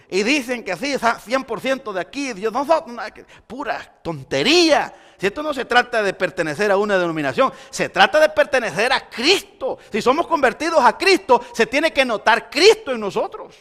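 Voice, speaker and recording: A man preaching a Sunday sermon as pastor, swinging between loud emphasis and quiet intensity. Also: extremely high pitch, very animated, normal speed. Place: church sanctuary. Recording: long church hall reverb.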